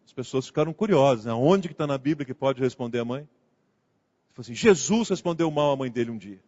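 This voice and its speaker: A man's voice: medium pitch, expressive, fast, darkish tone. Preaching man in an echoing church. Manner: conversational preaching, acts out quoted dialogue. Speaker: pastor. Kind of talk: sermon. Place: church sanctuary. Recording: muffled sound with long hall reverb.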